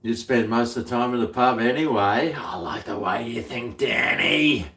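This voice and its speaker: A man's voice: mid-range voice, moderate pace, a bit bright. A middle-aged man with an Australian accent chatting casually on a livestream, laid-back, blokey and full of slang. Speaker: livestream host. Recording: roomy, echoey sound.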